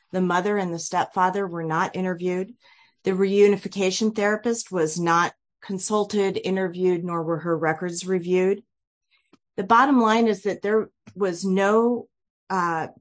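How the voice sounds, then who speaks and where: A woman attorney giving a formal, measured and assertive statement at a remote hearing over a video call. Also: on the low side.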